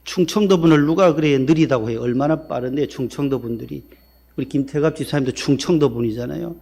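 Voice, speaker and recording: A man's voice: mid-range voice, fast, vocal fry, breathy edge. Pastor joking with his congregation. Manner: joking warm-up before the sermon. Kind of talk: sermon.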